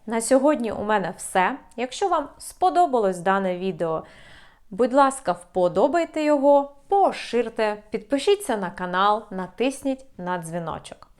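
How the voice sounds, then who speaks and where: A woman teaching an online English lesson, giving slow, clear explanations and drilling English number words. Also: on the high side, expressive, darkish tone.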